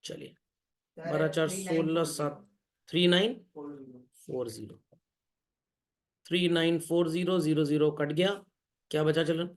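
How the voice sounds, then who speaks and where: A man's voice: fairly high pitch, unhurried, pauses often. A man teaching statistics to a class, quizzing students, mixing in English phrases and joking asides. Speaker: commerce teacher. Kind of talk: classroom lecture.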